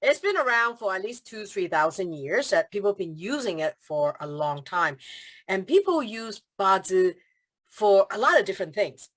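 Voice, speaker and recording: Her pitch is medium and her pace moderate as this Hong Kong feng shui consultant, a guest on a video call, chats informally with her interviewer. Expect animated quoted voices in her stories and frequent bursts of laughter.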